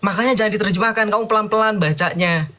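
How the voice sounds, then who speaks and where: A man in a heated debate who lectures his opponent in a sarcastic, combative tone. His voice sits somewhat high, and he slides between casual slang and formal phrasing. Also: quick pace, bright, forceful tone.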